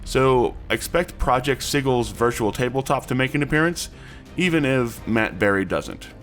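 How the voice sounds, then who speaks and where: Male news host, scripted narration in a middle-pitched voice, music bed behind. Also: lively intonation, moderate pace, fairly bright tone. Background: background music.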